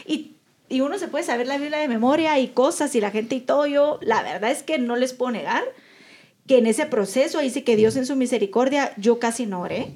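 A woman's voice: high-pitched, fairly quick, a little mellow. A young adult woman, co-hosting a podcast in casual chat and earnestly telling a personal story while acting out what her relatives said. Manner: earnest, acts out quoted relatives. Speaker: podcast co-host.

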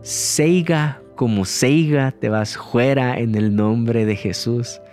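A man's voice: mid-range voice, slow pace, a little mellow, soft background music, natural voice. A man voicing an earnest rural preacher who commands a demon, firm and slightly stumbling over words. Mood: commanding.

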